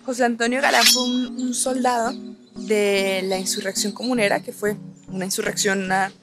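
A young woman, a Spanish teacher and travel vlogger, explains a grammar point to viewers while touring a small town and countryside outdoors. Her mid-range voice is flat in delivery and moderate in pace, with music in the background.

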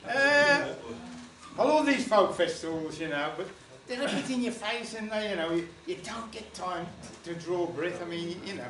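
An older man stands gesturing broadly as he tells a chatty, rambling comic tale full of asides to a small folk club. His high voice is lively and fairly bright at a moderate pace, captured by a far camera with roomy, distant audio and a little hiss or hum.

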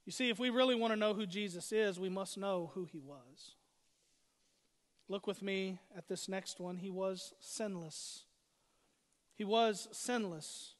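A man's voice: high-pitched, unhurried, big-room sound. A man preaching as pastor, building emphasis through repeated short phrases. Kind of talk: sermon.

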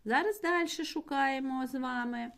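A woman teacher giving a patient primary school language lesson, explaining slowly and spelling out words syllable by syllable for her pupils. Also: high-pitched, vocal fry, fairly bright tone. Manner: slow, patient explaining, addressing pupils directly.

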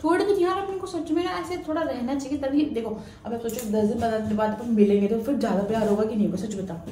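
A woman's voice: on the high side, quick pace, mellow. A young woman vlogger talking casually and pleading insistently into a phone camera. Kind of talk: casual chat. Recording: echoey room with faint noise.

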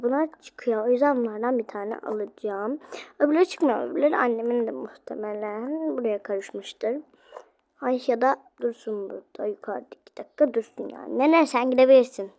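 A young woman talks her viewers through what she is doing in a casual, chatty way. Her voice sits high, and she keeps addressing the audience directly. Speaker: vlogger. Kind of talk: casual game play narration.

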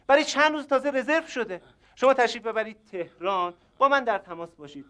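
An actor playing a male hotel clerk who is overly polite and flattering but keeps insisting that guests leave, in a sitcom. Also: very high-pitched, clean tone. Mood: coaxing. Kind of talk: sitcom acting.

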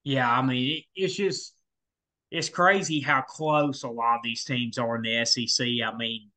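Co-hosting a college football podcast, this man chats casually, rambling with plenty of fillers and restarts. His voice sits at medium pitch with fairly even intonation, moving at a normal pace with a pushed, bright quality.

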